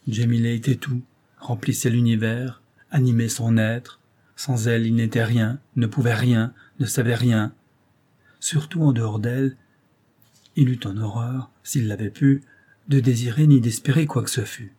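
A man narrating a romantic novel in a measured, lyrical storytelling manner. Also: medium pitch, steady tone, mellow, husky. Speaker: audiobook narrator. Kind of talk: literary audiobook narration.

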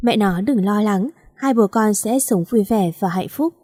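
A woman's voice: mid-range voice, moderate pace, dry recording, studio quality, close to an everyday voice. A woman doing a tender, protective father. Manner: gentle and heartfelt.

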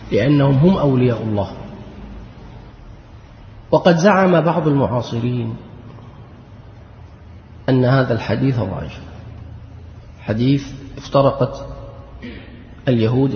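A man's voice: medium pitch, a little hiss or hum. Fervent male Islamic lecturer, echoey hall. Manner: fervent, rising to emphatic outbursts. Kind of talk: religious lesson. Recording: dull lo-fi recording in an echoey hall.

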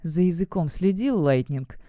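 A woman voicing cold young sorceress, clipped commands, audiobook, smooth mellow tone. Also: medium pitch, sing-song, moderate pace, no echo, studio quality, close to an everyday voice. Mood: cold, curt. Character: haughty young female demonologist, cold and curt.

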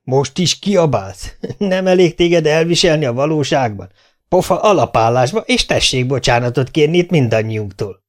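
A man's voice: on the high side, expressive, voice pushed up, natural voice. A man voicing a bold, mocking history teacher who speaks theatrically and stretches his words.

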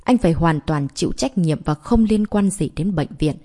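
A woman voicing a pompous male hospital director who scolds loudly and defends himself. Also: lowish voice, lively intonation, normal speed. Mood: blustering. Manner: loud, blustering scolding.

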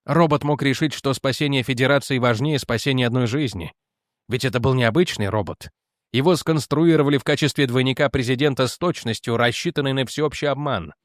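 A man narrating a science fiction novel in a measured, steady reading voice. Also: medium pitch, no room sound, studio quality. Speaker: audiobook narrator.

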